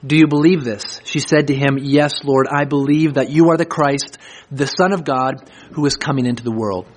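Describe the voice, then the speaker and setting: A man preaching a sermon, reading scripture aloud slowly and then explaining it in plain, conversational talk. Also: mid-range voice, fairly even intonation. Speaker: pastor.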